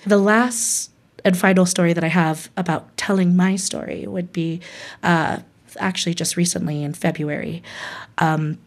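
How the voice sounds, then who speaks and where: Lively woman telling a personal story. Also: lowish voice, moderate pace. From Hawaii. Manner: animated, acts out quoted voices, laughs often.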